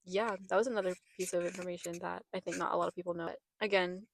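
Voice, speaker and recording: A woman's voice: on the low side, steady tone, fast talker, creaky, a little hiss or hum. A young woman hosting a podcast in casual chat, talking in a chatty, rambling way with restarts. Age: young adult. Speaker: podcast host. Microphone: podcast mic.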